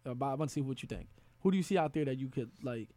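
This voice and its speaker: A man's voice: medium pitch, animated, very fast, dark tone, no echo. A man hosting a podcast, chatting casually with a guest, joking, laughing often and swearing freely. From half Dominican. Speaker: podcast host. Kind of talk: casual interview chat.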